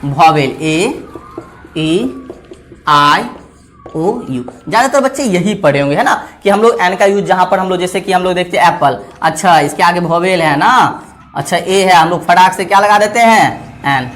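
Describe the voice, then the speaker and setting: A man teaching an exam-prep grammar lesson, repeating each point as a question and asking his students whether it is clear. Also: high-pitched, expressive, moderate pace, fairly bright tone. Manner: checks understanding with "clear?" and "theek hai na".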